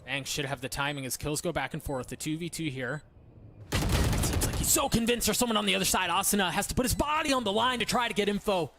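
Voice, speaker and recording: Male esports caster, live play-by-play, higher pitch, clear gunfire and game clicks behind the voice. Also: fast talker, very noisy. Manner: esports caster delivery, building to excited calls.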